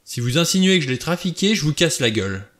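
A man voicing a hot-tempered, brutish middle-aged man who speaks in loud, blustering outbursts. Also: on the low side, expressive, fairly quick. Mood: furious.

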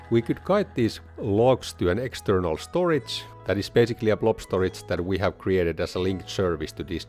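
A man giving a screen-recorded software tutorial, explaining each step in a steady, methodical way. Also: sits low. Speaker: tutorial creator.

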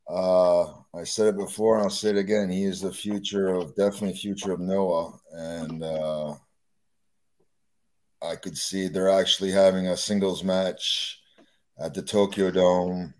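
A man hosting a casual livestream chat, relaxed and blunt. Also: low voice, measured pace. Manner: relaxed, blunt, talks about wrestling buddies. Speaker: show host.

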